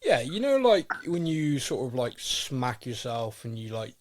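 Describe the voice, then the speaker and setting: A man's voice: mid-range voice, very animated, measured pace. A British man hosting a podcast in casual chat, with a rambling, wry, self-deprecating way of talking. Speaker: podcast host.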